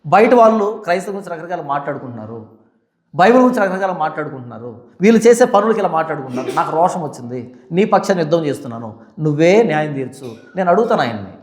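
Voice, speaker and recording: A man preaching in a Bible study, firing off scolding rhetorical questions with fiery conviction. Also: high-pitched. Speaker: pastor. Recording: echoey room.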